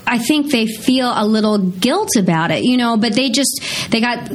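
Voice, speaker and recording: A woman's voice: fairly high pitch, normal speed, a little hiss or hum. A woman in her thirties, born in South Korea and raised in Missouri, tells her story in a casual interview, laughing often and filling her talk with "like" and "you know". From born in South Korea, raised in rural Missouri. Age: 30s. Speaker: guest.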